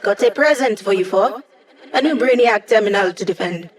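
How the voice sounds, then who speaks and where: A woman's voice: medium pitch, moderate pace, lightly acted. A woman playing a quirky, upbeat young female AI hacker in a video game, with a playful, wry, conversational delivery. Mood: confident, helpful. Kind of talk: scripted video game character dialogue.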